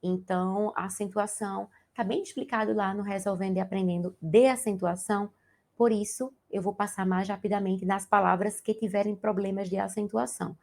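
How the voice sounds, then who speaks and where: Young brazilian woman teacher, bit of a gravelly fry, walks you through grammar asking "ok? tá?". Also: medium pitch, steady tone, fairly quick, a little mellow. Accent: Brazilian Portuguese. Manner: explanatory, asks the class to check in with tag questions. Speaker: Portuguese teacher. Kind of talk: exam-prep grammar lesson.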